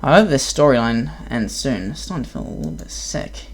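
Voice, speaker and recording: A man's voice: mid-range voice, very animated, a little fast, vocal fry, a little hiss or hum. A man streaming a game who reads visual novel text aloud and breaks off into muttered asides, while feeling sick.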